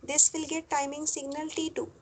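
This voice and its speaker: A woman lecturer, explaining a technical topic step by step, often repeating phrases and pausing on fillers. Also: high-pitched, level tone, slight background noise, poor audio. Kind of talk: classroom lecture.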